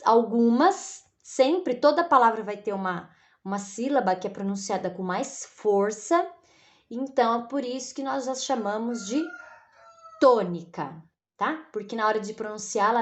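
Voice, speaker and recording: A woman's voice: fairly high pitch, darkish tone. A Brazilian woman teaching a recorded lesson, patient and repetitive, checking in with the class after almost every phrase. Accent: Brazilian Portuguese. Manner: patient, repeats tag questions like "né?" and "tá?".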